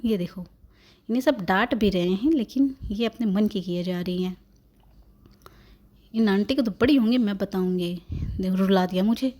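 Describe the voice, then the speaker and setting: Sassy baby-girl narrator played by a woman, warm mid-pitched voice, playful and teasing. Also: natural voice. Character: sassy newborn baby girl, cheeky and complaining. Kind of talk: voice-over narration of a family vlog.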